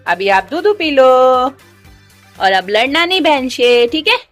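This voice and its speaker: A high-pitched woman talking at home, switching between coaxing her little children and scolding them with playful threats. Between the kids' squabbles she chats casually to the camera, with faint music underneath. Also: big pitch swings, slow pace. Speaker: mother vlogging her day with three young children. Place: at home, indoors.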